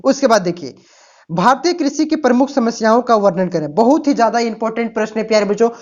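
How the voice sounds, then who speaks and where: Fast and lively, a woman with a fairly high, darkish voice guides students through exam prep, posing questions she then answers. Her rhetorical style features repeated "ठीक ना" and "प्यारे बच्चों". It's a dull, lo-fi recording.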